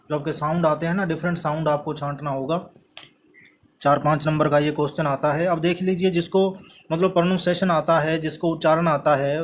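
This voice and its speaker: A male teacher with an Indian accent explaining an English textbook lesson in Hindi and English, slowly spelling out words and repeating himself. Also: fairly high pitch, a little hiss or hum. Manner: slow, spells words letter by letter; repeats "ठीक है" after each point.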